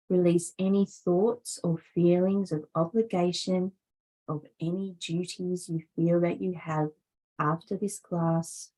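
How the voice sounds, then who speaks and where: In poor-quality audio, a woman with a fairly low-pitched voice leads a guided meditation as a yoga teacher. She speaks slowly and soothingly, leaving long pauses between each phrase.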